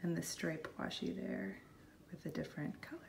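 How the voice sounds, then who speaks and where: A woman with a raspy voice from smoky air, chatting casually as she unboxes a planner kit at home. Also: on the low side, fairly even intonation, moderate pace, slight background noise. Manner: chatty, enthusiastic, soft-spoken at times. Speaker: planner vlogger. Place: home, while her son is in an online class.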